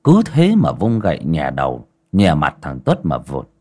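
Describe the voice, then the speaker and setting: A man narrating a horror story with dramatic, expressive delivery. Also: very deep voice, measured pace, husky.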